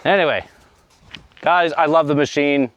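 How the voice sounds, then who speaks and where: A man's voice: a little high, moderate pace, fairly bright tone, no room sound, muffled recording. A young man chatting to his action camera outdoors in a snowy yard, a little out of breath, rambling with fillers and trailing asides. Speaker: homestead vlogger. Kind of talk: casual vlog talk to camera.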